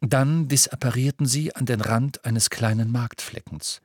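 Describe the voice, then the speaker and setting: A man narrating an audiobook with steady, measured storytelling. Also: mid-range voice, slightly rough, dry recording, clean studio sound. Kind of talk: scripted narration.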